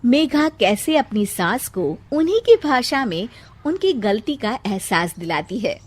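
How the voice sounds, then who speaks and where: A woman narrating a children's cartoon story in a steady storytelling manner. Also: fairly high pitch, measured pace.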